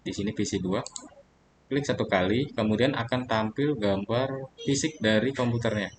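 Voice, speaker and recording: A man walking viewers through a networking software tutorial step by step, pausing on fillers as he clicks along. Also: medium pitch, noisy background. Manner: steady step-by-step instruction with frequent fillers. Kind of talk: screen-recorded software tutorial.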